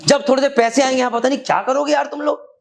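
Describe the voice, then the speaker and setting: Stern high-voiced man lecturing. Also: fairly even intonation, quick pace, vocal fry. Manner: stern, scolding, mixes Hindi and English. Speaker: academy head addressing students. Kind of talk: motivational classroom lecture.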